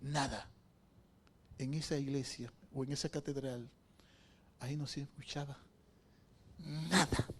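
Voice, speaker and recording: A man, a pastor, preaching a sermon in a church sanctuary. He asks the congregation rhetorical questions and swings between hushed storytelling and loud, fervent preaching. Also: mid-range voice, fairly even intonation, unhurried, long pauses, husky.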